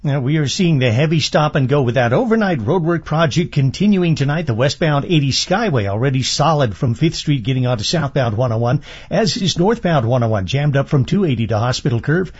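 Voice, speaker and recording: A man reading a radio traffic report in a rapid, even delivery. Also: mid-range voice, breathy edge, dull audio.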